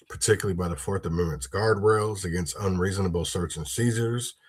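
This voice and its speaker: Low husky-voiced political livestream host. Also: male voice. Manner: reads news reports aloud and adds opinion.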